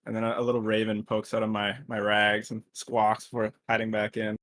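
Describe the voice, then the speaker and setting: A man voicing a ragged old male wanderer who keeps a pet raven, speaking low and theatrically. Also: completely flat delivery, fairly quick, fairly bright tone, no echo, natural voice.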